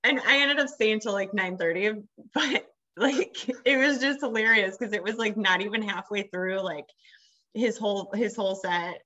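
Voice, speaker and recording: A woman's voice: mid-range voice, moderate pace, bright, forceful tone, highs cut off. A woman speaking as a podcast guest in casual, informal chat, often saying "like". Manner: informal, peppered with "like".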